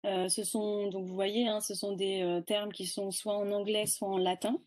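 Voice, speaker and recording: A woman's voice: mid-range voice, flat delivery, normal speed, a little mellow. A woman giving a webinar presentation, explaining terms step by step with frequent hesitations.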